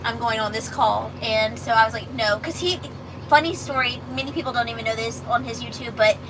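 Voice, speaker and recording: Clear vehicle noise surrounds a woman with a high voice. She chats informally as a livestream co-host, talking to viewers in a casual, chatty way. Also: brisk.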